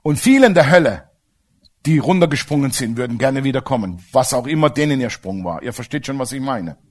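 A man's voice: medium pitch, expressive, fairly quick. A man preaching a sermon with emphasis and humorous asides, often asking the congregation for agreement.

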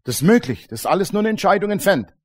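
A man preaching a sermon to a congregation, lively and colloquial, acting out little dialogues and often calling out "Amen". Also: sits high, fast. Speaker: pastor. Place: church congregation.

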